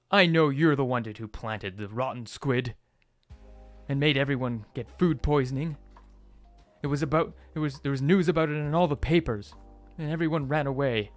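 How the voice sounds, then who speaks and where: A man voicing a bitter rival restaurateur with psionic powers, ranting loudly and indignantly. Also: mid-range voice, voice pushed up, close to an everyday voice.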